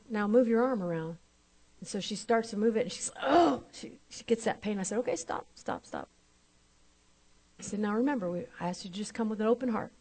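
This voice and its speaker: A woman minister telling a testimony in a sermon, acting out both sides of the conversation as she tells it. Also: medium pitch.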